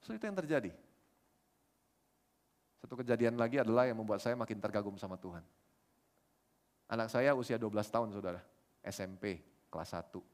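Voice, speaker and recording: A man's voice: on the low side, a little fast, pauses often. A middle-aged man preaching a sermon at a church service, telling a story and acting out the lines of the people in it. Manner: storytelling, animated, acts out quoted dialogue.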